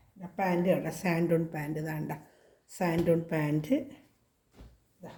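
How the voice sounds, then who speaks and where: A woman with a Kerala Malayalam accent and a slightly hoarse voice from a cold, chatting casually as she shows clothing for sale. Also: on the low side, warm tone, roomy sound. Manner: chatty, repeats prices and sizes. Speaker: clothing seller. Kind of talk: casual product showcase.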